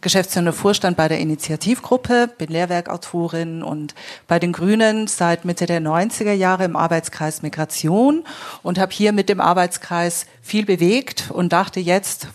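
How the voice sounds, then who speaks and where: Lower-voiced woman in her fifties from Swabia. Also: moderate pace. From Swabia, Germany. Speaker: city council candidate. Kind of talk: panel self-introduction.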